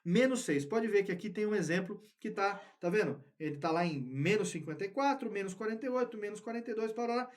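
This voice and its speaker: A man's voice: high voice, animated, fast talker, hardly any pauses. A man teaching a podcast recording lesson in a studio at a microphone, explaining patiently and repeating key words for emphasis. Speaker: podcast course instructor. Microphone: studio microphone with headphones.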